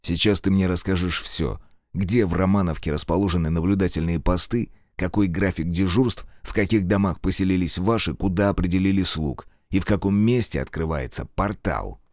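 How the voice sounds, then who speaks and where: A man's voice: sits low, normal speed, darkish tone, no echo, studio quality, natural voice. A man voicing a tough squad commander who taunts and interrogates a prisoner bluntly. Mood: hard. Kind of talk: audiobook character voice.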